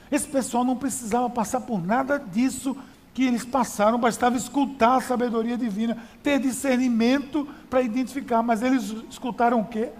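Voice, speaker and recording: A man's voice: very high-pitched, darkish tone, big-room sound. A male pastor preaching a sermon in a conversational style, with rhetorical questions and emphatic repetition.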